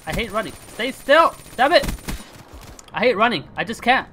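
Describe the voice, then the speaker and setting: A young man hosting his gaming channel, chatting casually and reacting out loud as he plays. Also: high voice, brisk, slight background noise. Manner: excitable, chatty, swings between hushed focus and loud outbursts. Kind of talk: casual gameplay commentary.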